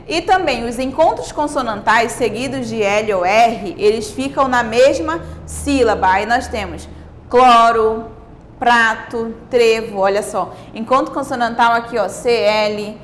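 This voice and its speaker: A woman's voice: on the high side, a bit bright, slight background noise. A Brazilian woman teaching a grammar video lesson to young children, patiently drawing out example words and checking in with "né?" and "tá?". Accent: Brazilian Portuguese. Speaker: primary school teacher.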